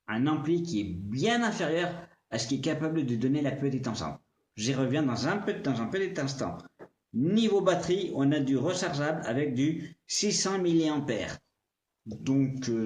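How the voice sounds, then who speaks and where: A tech reviewer with a mid-range, slightly mellow voice casually reviews a small speaker on a livestream, and the sound is reverberant. He's chatty and playful, talking straight to the viewer, addressing them with tu and swearing now and then.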